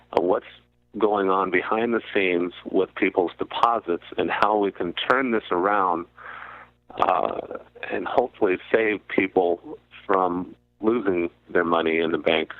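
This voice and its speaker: A man appears as a guest commentator on a radio show, explaining finance in deliberate, halting short phrases. His voice is low-pitched with no echo, heard over a muffled, narrow, phone-like call-in line.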